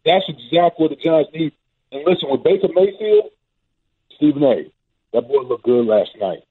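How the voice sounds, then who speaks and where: A man calling in as a football analyst, talking casually and loosely with lots of "man" and "I mean", heard over a muffled low-quality phone line that sounds like he is in a tunnel. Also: lively intonation, normal speed. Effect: muffled low-quality phone line, as if calling from inside a tunnel. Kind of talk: casual sports radio talk. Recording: tinny phone line, husky.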